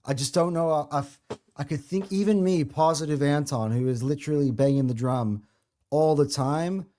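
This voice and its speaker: Hosting a football podcast, a man talks passionately and rambles, restarting his sentences often. His voice runs on the high side with a dark tone, at a moderate pace.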